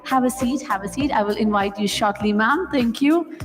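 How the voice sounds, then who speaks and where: A woman's voice: on the high side, normal speed. A woman hosting a formal award ceremony on stage, polite and effusive, thanking guests and inviting them up one by one. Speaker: event host. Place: large event hall. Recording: hall reverb with music behind.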